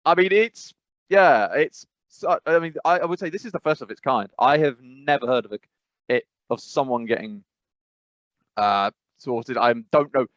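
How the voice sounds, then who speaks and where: Lively intonation and a slightly bright, mid-range voice mark this man from England, talking at a moderate pace with no room sound. As a casual podcast co-host he wanders, hesitates, restarts often, and laughs while speaking into a dry, dull lo-fi mic.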